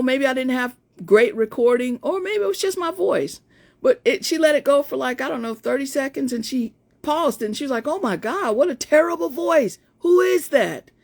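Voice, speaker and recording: Her voice is high and gravelly, yet not especially feminine, landing somewhere in between. She's a woman around fifty working as a life coach, chatting on a relaxed live stream and recounting a personal story with plenty of restarts.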